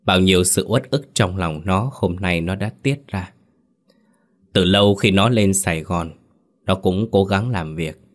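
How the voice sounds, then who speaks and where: A man narrating a horror story, in a measured, dramatic reading. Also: sits low.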